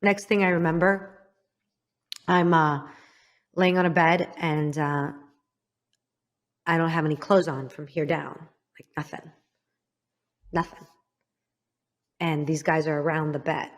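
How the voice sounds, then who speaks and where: A woman from the American Midwest hosts a podcast and opens up to her guest about something painful, her intonation staying fairly even. The telling is frank and halting, and hard moments bring her voice down low and quiet.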